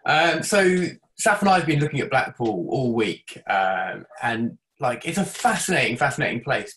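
A man presenting a student campaign pitch from home on a video call, upbeat and keen with frequent fillers. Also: fairly bright tone.

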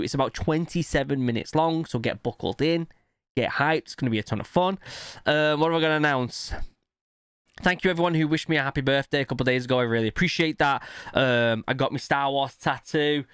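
Speaking into an arm-mounted desk mic in his home studio, a young man eagerly chats and reacts for his reaction video. His medium-pitched voice sounds clean, without echo.

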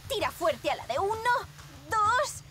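A woman's voice: extremely high pitch, big pitch swings, measured pace, exaggerated voice. An actress voicing a cheerful, sensible cave girl who encourages her friends. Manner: bright, encouraging, giggly. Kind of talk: Spanish cartoon dubbing.

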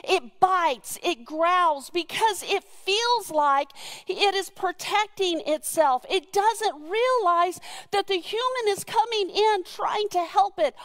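A middle-aged woman preaching a sermon, telling a story earnestly with soft laughs. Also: very high-pitched, animated, takes it slowly.

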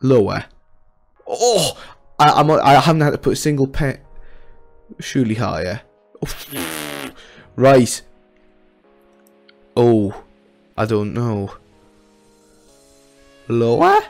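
A man's voice: medium pitch, lively intonation, slow pace, long pauses, faint music behind. A young man hosting a casual gaming challenge, exclamatory and self-mocking, speaking close to a studio mic. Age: young adult. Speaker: video host. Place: small room at home. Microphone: studio condenser mic with pop filter, close up.

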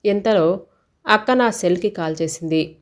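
A woman reading a scripted first-person story in a steady, even storytelling delivery. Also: medium pitch, unhurried.

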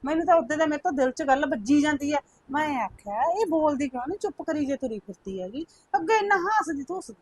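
An actress playing a talkative mother-in-law in a village home, speaking with a Punjabi accent in a brisk, storytelling manner. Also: high voice, animated, a little hiss or hum. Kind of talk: village comedy skit.

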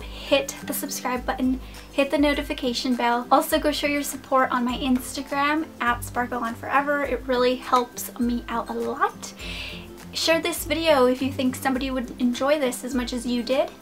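A woman vlogger chatting casually to her viewers, gushing and fast-talking. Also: high voice. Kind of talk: casual haul video talk. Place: home room.

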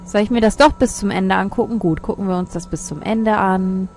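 A woman's voice: medium pitch, fairly quick, a little mellow, faint music behind. A woman giving casual gameplay commentary as a let's player, reading game text aloud with chatty, muttered asides.

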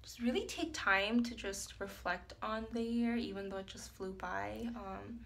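A young adult woman with a raspy, hoarse, medium-pitched voice chats softly and unhurriedly to a phone held at arm's length in a small tiled bathroom. Her talk is casual and reflective, with many fillers and frequent laughter.

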